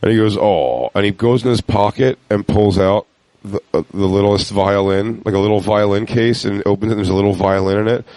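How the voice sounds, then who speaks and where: Brief: male comedy host, brisk anecdotes, dry close sound. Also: fairly low pitch, warm tone, no room sound. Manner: laughing, swearing, quick anecdotes. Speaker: podcast host. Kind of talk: casual comedy chat.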